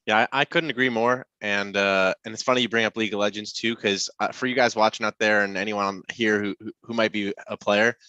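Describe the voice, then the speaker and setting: A man with a fairly low voice and a bright, forceful edge leads a casual podcast conversation. He rambles easily, piling up fillers and restarts. His voice sounds dry, with no room echo around it. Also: fairly even intonation, brisk, hardly any pauses, lo-fi sound. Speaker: podcast host. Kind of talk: casual chat.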